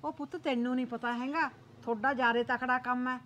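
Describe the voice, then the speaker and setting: A woman playing a patient, worried village mother-in-law in a Punjabi short film. She soothes and pleads in a slightly high voice. Faint noise sits behind her. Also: steady tone, quick pace, fairly bright tone, muffled recording. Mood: soothing.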